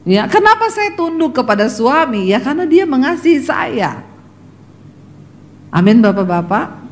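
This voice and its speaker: Animated woman preaching with family stories. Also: high-pitched, a little slow. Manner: lively storytelling, acting out family voices, addressing the congregation. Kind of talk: sermon with personal anecdotes.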